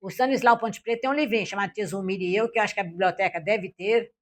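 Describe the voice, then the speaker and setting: Fast-talking older Brazilian woman, ex-teacher. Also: mid-range voice. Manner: lively storytelling, acting out her own and pupils' lines. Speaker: former school principal and Portuguese teacher. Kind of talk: interview, recalling classroom experiences.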